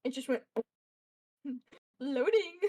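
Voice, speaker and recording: A woman's voice: on the high side, measured pace, rough recording. Rambling woman game master. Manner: rambling, full of fillers and asides. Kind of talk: narrating a tabletop game on a live stream.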